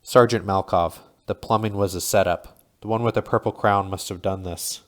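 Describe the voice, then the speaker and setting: A man's voice: fairly low pitch, steady tone, normal speed, lightly acted. A man voicing an alarmed male foot soldier making an urgent report in an audiobook.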